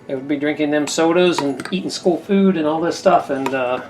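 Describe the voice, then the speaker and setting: A woman with a notably deep voice talks casually while she cooks in her home kitchen. She rambles from one story to the next in an easy, chatty way. Faint music plays in the background. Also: a little fast, a little mellow. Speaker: cooking channel host. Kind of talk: casual chat while cooking.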